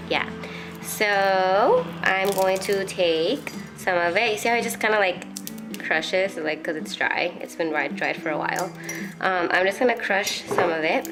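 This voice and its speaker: A woman with a head cold, her voice nasal and congested, chatting in a rambling, casual way through a how-to, with soft music behind her. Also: lowish voice. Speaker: herbalist vlogger.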